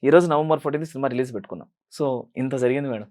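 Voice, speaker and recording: A man's voice: mid-range voice, darkish tone. A young man with a Rayalaseema Telugu accent, a film director and actor answering interview questions earnestly and deferentially. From Rayalaseema, India. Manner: earnest, rapid, addresses interviewer as madam constantly.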